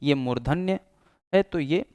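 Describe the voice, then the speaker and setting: Clear-voiced male teacher, dry sound. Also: fairly high pitch, unhurried, darkish tone, no room sound. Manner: explanatory, demonstrates sounds aloud. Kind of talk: classroom lecture.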